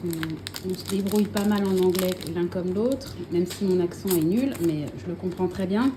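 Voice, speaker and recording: A woman's voice: lowish voice, normal speed. Chatty woman vlogging over background noise. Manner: chatty, many fillers and self-corrections. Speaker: vlogger showing purchases. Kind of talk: casual chat to camera. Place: home.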